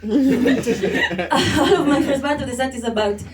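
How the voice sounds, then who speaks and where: A stand-up comedian, joking playfully with the crowd on a handheld mic in a small venue, often laughing and mocking other voices. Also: female voice, sits high, slow. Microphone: handheld microphone. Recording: echoey room, far from camera, noisy.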